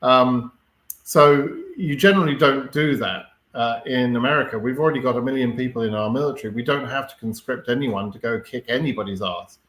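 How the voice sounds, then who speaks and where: Man, live Q&A host, relaxed explainer, lots of fillers, mid pitch, echoey room. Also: a little fast. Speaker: host answering viewer questions. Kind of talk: live Q&A chat.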